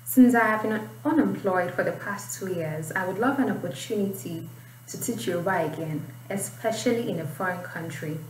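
This IELTS writing teacher is a young Nigerian woman whose medium-pitched voice moves at normal speed. Her tutorial is informal, mixing explanations with reading aloud. The audio, from a small indoor room with a distant mic, is roomy with faint noise.

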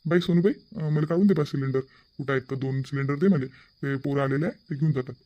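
A man voicing a middle-aged father in a cartoon, steady and reasoning. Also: on the high side, fast, muffled recording, close to an everyday voice. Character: calm middle-aged father, firm head of house. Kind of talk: cartoon voice acting.

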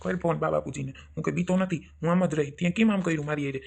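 A man's voice: fairly high pitch, steady tone, very fast, vocal fry, darkish tone. A man plays a stubborn, hot-headed village husband in a comedy sketch, answering back with blustering, defiant retorts. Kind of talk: comic village sketch acting.

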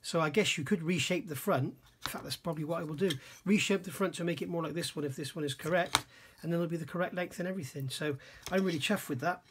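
A man's voice: on the high side, fast, few pauses, noisy background. A middle-aged man reviewing a scale model kit at his workbench, thinking aloud and often questioning himself. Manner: musing, self-questioning, admiring. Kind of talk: casual hands-on kit review. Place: workbench indoors.

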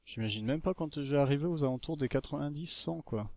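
A man's voice: on the high side, fast, vocal fry, fairly bright tone, no room sound, highs cut off. A man casually narrating a video game as he plays, chatty and rambling, coaxing the creatures on screen. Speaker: gaming YouTuber. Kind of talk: casual let's-play commentary. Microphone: desktop microphone.

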